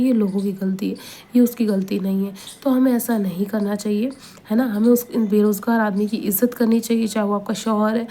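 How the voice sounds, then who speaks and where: A woman's voice: fairly high pitch, dark tone. A woman giving an Islamic motivational advice talk, earnest and repetitive, pleading with listeners and often checking they agree. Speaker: advice speaker.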